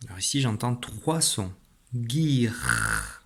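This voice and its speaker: A man teaching a young pupil a spelling rule in an online lesson, patient and clear, slowing down as he demonstrates. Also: medium pitch. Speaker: primary school teacher.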